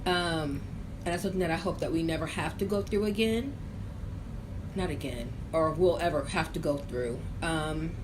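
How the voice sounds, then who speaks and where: A young woman hosting a casual question-and-answer vlog, chatty and hedging, with drawn-out phrasing. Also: deep voice. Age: young adult. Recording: noisy room ambience.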